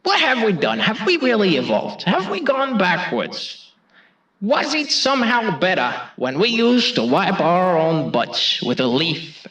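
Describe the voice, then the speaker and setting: A man putting on a bombastic male schoolteacher who makes theatrical, shouted announcements in a comic skit intro. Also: mid-range voice, roomy sound, recorded from a distance, highs cut off, pitched below the performer's own voice, natural voice. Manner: shouting, theatrical and mock-grave.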